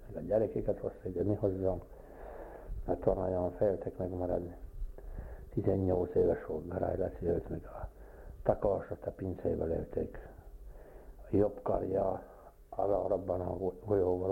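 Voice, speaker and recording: Gravelly older man reminiscing, tinny recording. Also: low voice. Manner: plain-spoken storytelling, repeating phrases for weight. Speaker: interviewee recalling village life. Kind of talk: oral history reminiscence. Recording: tinny lo-fi recording with faint hiss.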